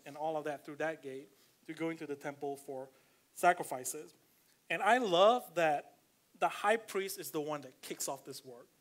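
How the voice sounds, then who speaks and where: This relaxed sermon comes from a pastor with a Malaysian accent who reads passages of scripture to his church. For a male speaker he pitches somewhat high, sprinkling in fillers and easing his pace to drive key points home.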